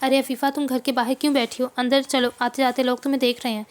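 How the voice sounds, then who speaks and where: A woman's voice: high-pitched, little pitch movement, fast, lightly acted. A woman voicing a kind female friend who comforts a grieving mother and promises help. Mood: concerned. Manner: comforting, concerned. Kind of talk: novel reading.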